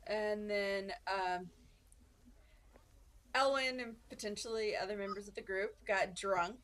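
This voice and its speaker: A woman in her twenties leads a casual tabletop game, recapping the last session for her players. She talks slowly and unhurriedly, in a mid-range voice, stopping often with ums and restarting her sentences. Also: mid-range voice. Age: 20s. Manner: relaxed and halting, many ums and restarts. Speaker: dungeon master.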